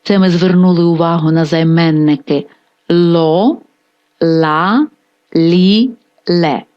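Ukrainian lady teacher going real slow, lowish voice, kinda muffled lo-fi sound. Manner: dictates word by word with careful pauses. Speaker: Italian language teacher. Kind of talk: slow, deliberate grammar lesson. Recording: dull lo-fi voice-over.

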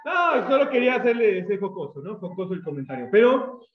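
A man with a Mexican accent preaching a sermon as a lively storyteller, acting out the voices he quotes. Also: high voice, brisk, very noisy. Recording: echoey, dull room sound.

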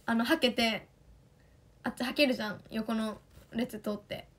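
A young woman with a Kansai accent, chatting excitedly on a livestream as an idol, reading fan comments. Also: fairly high pitch. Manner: chatty, excitable, quick bursts of enthusiasm.

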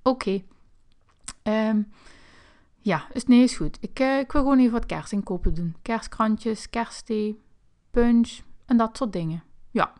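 A woman's voice: a little high, a little slow, pauses often, darkish tone, lightly acted. A woman voicing a firm, scolding mother in a toy figure play video.

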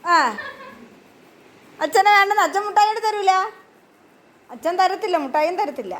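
High sing-song woman coaxing little children. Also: lively intonation, moderate pace. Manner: sing-song, questioning, gently scolding. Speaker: preschool teacher. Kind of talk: coaxing talk with small children. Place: preschool classroom.

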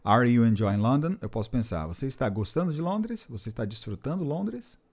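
A man's voice: mid-range voice, sing-song, fairly quick, background noise. A man teaching an English lesson, patiently repeating and translating phrases. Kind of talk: explanatory language lesson.

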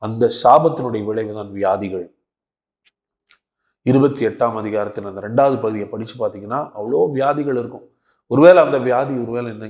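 A man's voice: fairly low pitch, a little mellow. A male pastor from Tamil Nadu, giving a devotional sermon and prayer to camera in short, repeated, emphatic phrases. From Tamil Nadu, India. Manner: repetitive, rhythmic preaching in short emphatic phrases. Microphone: speaking to camera for a video.

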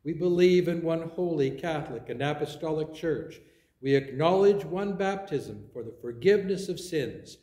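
A priest leads the service in a fairly high, solemn voice. He recites prayers at a measured pace. His words ring out with the echo of a large, reverberant church. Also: lively intonation, dark tone. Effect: echoing church reverb. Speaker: priest leading worship. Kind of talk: liturgical service leading. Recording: roomy echoing church sound.

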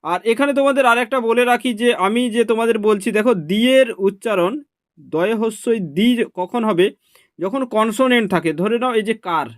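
A man's voice: high-pitched, no echo, clean studio sound. A man teaching an online exam prep lesson, explaining step by step and checking in with his students often. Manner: explains step by step, keeps asking "ঠিক আছে?".

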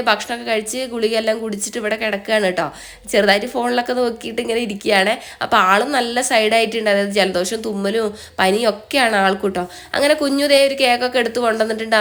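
Stuffy-nosed malayali girl rattling off her day, kinda high, quick chatty voiceover. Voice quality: nasal. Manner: chatty, often ends phrases with a soft tag word. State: blocked nose from a cold. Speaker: vlogger. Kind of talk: casual voice-over narration.

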